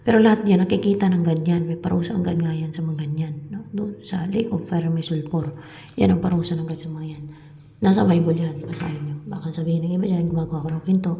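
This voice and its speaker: Speaking fast in a low, gravelly, mellow voice, a woman who works as a spiritual reader chats casually with her viewers about spiritual matters. Her tone stays steady as she meanders, repeats herself, and sometimes drops to a whisper, all captured in lo-fi sound in an echoey room.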